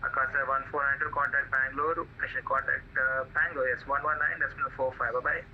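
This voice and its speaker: A man working as an air traffic controller, giving clearances in clipped radio phraseology, his radio chatter bleeding in under another speaker. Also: medium pitch, level tone, quick pace. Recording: dull lo-fi radio with faint noise.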